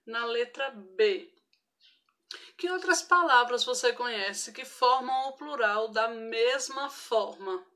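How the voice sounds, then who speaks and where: A woman's voice: a little high, takes it slowly, bright, forceful tone. A woman with a Brazilian accent, teaching an online grammar lesson to primary school children, patient and careful, checking in often with short tag questions. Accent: Brazilian Portuguese. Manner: patient, frequent tag questions, spells out each example.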